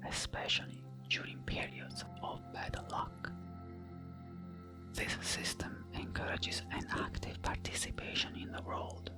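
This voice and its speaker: A narrator giving a scripted game guide in a breathy, intimate ASMR whisper, close to the mic, measured and explanatory. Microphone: close microphone, ear to ear.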